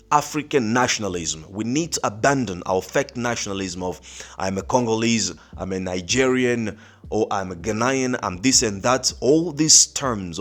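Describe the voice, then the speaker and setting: A man in his thirties speaking to camera as a party spokesman, earnest and emphatic, often pausing with fillers and restarts. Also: on the low side. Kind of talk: political commentary to camera. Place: small dim studio room with colored lights. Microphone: studio mic on arm in front.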